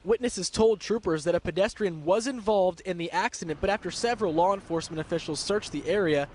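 A man reporting live from the field for a local news broadcast, in a clear, measured delivery. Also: sits high, a little mellow, slight background noise.

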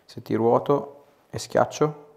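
This man's voice is medium-pitched and a little mellow, slow and fairly even in intonation. Working as a chiropractor in a small treatment room, he gives his patient calm, hands-on instructions through short directives and questions.

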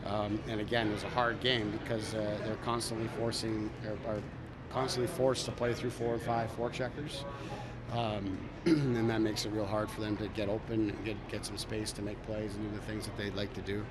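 A man in his forties, a hockey head coach, answering reporters after a game in a measured, self-critical way with many fillers and restarts, into a cluster of handheld mics. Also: on the low side, level tone, over a noisy crowd. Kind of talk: post-game media scrum. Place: arena media backdrop, indoors. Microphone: cluster of handheld recorders and mics.

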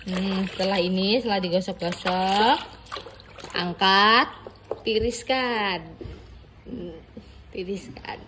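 A woman playing a calm, instructive cooking-show presenter, giving step-by-step directions. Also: mid-range voice, takes it slowly, long pauses, noisy background, lightly acted.

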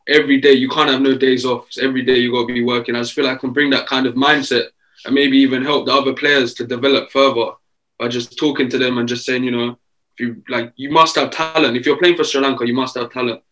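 Casual young male athlete, relaxed, filler-heavy answers on a video call. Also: medium pitch, fast, rough recording. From England. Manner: relaxed, easygoing, many fillers. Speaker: footballer guest. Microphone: video call webcam.

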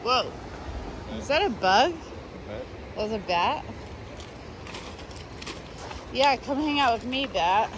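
At night, a woman hikes along a rocky beach and chats playfully, narrating casually into a body-worn camera with excited exclamations. Her voice is fairly high and slow, with frequent pauses. The camera audio is noisy from the outdoors.

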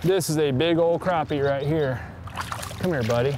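A middle-aged man hosting a fishing show, giving excited, chatty commentary from a boat on a pond and laughing often. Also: fairly high pitch, moderate pace, noisy background.

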